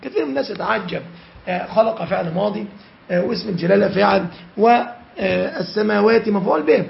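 A man explains grammar as a teacher. His voice is high and very gravelly, and he asks himself questions and answers them. The recording is dull and lo-fi. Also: lively intonation, fast talker. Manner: repeats key phrases, asks and answers his own questions.

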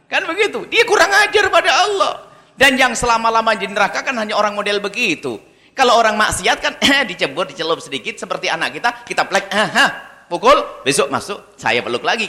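A male preacher delivers a lively sermon, his pitch swinging widely as he peppers the crowd with questions. His voice sits high and bright. The recording carries a long hall reverb. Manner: animated, rhetorical questions to the audience.

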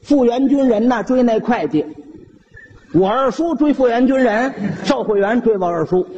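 A man with a Beijing accent telling a comic story solo, in a lively, animated manner. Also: very high-pitched, moderate pace, long reverb tail, muffled recording.

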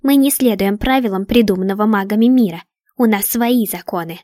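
A woman reading a story aloud, voicing a scheming, sarcastic dark witch who mocks and hisses. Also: medium pitch, brisk, no echo, studio quality, lightly acted. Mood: defiant. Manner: mocking, hissing.

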